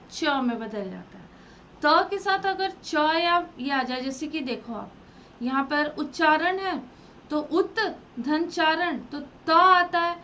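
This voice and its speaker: A woman teaching a grammar lesson, asking her students questions and then answering them herself in a drawn-out, teacherly way. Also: very high-pitched, pushed and bright, slight background noise. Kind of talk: classroom lesson explaining rules.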